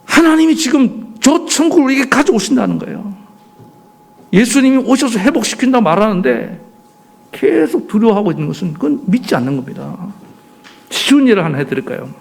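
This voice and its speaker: A man's voice: extremely high pitch, big pitch swings, a little fast, gravelly. A male pastor preaching a sermon emphatically, pressing the congregation with rhetorical questions.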